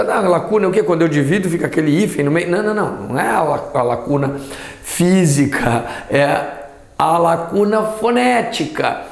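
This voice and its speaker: A man teaching a Portuguese grammar lesson, lively, asking and answering his own questions as he explains. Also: high-pitched, vocal fry, roomy sound. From southern Brazil. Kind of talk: classroom lesson.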